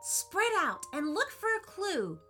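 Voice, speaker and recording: A woman's voice: very high-pitched, huge pitch swings, slow pace, sharp tone, faint music behind, pitched above the performer's own voice, heavily acted. A woman voicing a clever, confident little princess girl in a storybook reading.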